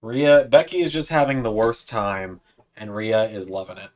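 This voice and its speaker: A man's voice: fairly low pitch, steady tone, normal speed. A man in his twenties chatting casually on a livestream, talking to his cat in a coaxing sing-song voice. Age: 20s. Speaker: streamer.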